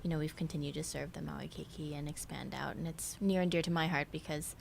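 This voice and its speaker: A woman's voice: sits low, steady tone, brisk, creaky, a little hiss or hum. A woman in her thirties from Michigan, an executive director of a nonprofit, talking casually in a radio interview, laughing often and using lots of fillers.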